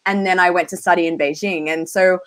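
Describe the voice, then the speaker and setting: A woman's voice: fairly low pitch, fairly even intonation, fairly quick, smooth. A woman with an Australian accent hosting a casual livestream chat, talking with lots of "like" fillers. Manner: chatty, many "like" fillers. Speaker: host.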